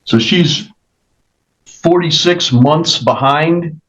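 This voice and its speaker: Firm lecturing judge, man, higher voice, muffled video call audio. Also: drawn-out words, a bit bright. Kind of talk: virtual court hearing.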